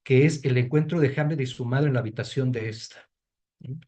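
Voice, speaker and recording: A man with a mid-range, mellow voice gives a fairly quick explanatory lecture on a literary reading to a study group. He thinks out loud, restarts often, and checks in with tag questions.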